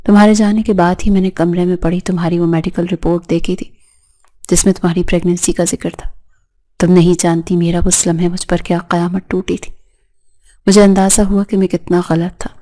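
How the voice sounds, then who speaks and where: A woman reading a remorseful husband and father in a storybook drama. He pleads in a choked voice. The reading is mellow and flat. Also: fairly low pitch, natural voice. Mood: pleading remorse.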